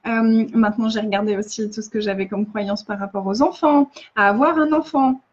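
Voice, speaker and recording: A woman's voice: medium pitch, fairly quick, highs cut off. A woman facilitator giving earnest casual coaching in a live video, often restarting and repeating phrases.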